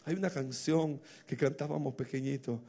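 A man preaching a sermon, retelling a scripture story and rising to emotional shouted exclamations. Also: medium pitch, normal speed.

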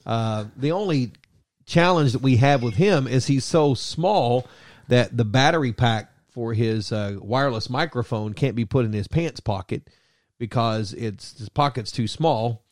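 A man's voice: mid-range voice, measured pace, dry recording, studio quality. Wry man on a podcast. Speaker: podcast co-host. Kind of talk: casual podcast chat.

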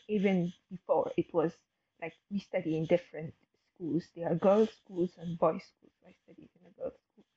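A woman's voice: on the low side, mellow, husky, lo-fi sound. A woman, a guest telling her story hesitantly, with many fillers and restarts. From Afghanistan. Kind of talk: casual interview talk.

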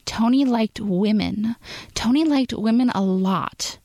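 A woman reading a story aloud in steady, measured scripted narration. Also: fairly high pitch, no room sound. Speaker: podfic reader.

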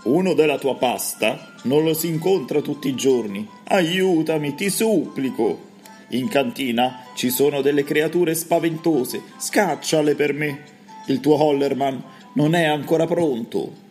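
A skinny, ragged ghost, as a woman storyteller puts him on creeps through the lines in a hollow voice that seems to rise from a stovepipe. The pitch sinks deep and the words drag slowly as he wheedles and pleads. Soft music plays faintly under this storybook reading. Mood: pleading. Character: gaunt ragged male ghost, pleading and eerie.

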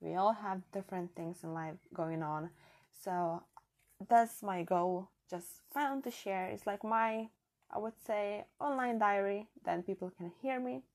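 A European woman with a non-native accent, whose first language isn't English, hosts her own casual solo podcast, talking in an earnest, chatty, reflective way. Her mid-range voice is darkish and a little slow, recorded on a built-in device mic rather than a proper microphone.

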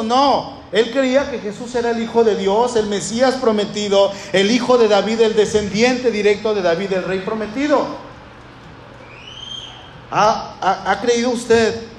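Male preacher, high voice, impassioned and repetitive sermon delivery, echoey church hall. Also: slight background noise. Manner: impassioned, repetitive, building emphasis.

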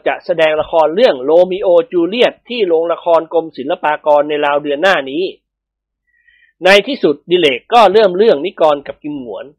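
A woman narrating a humorous novel as an audiobook in a lively storytelling manner. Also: lowish voice, brisk, breathy edge, dry recording, muffled recording.

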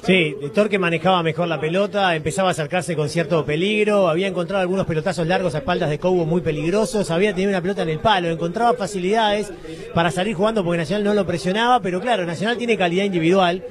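A man's voice: high voice, racing. A man gives live radio match analysis, explaining and repeating his points for emphasis. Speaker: football analyst. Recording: loud stadium crowd behind. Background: stadium crowd.

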